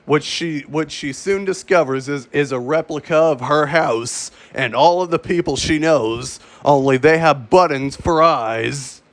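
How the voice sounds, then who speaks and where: A man plays an official announcer reading a scripted mock emergency broadcast, halting and repeating phrases as he goes. His pitch is fairly high, and there is no room sound.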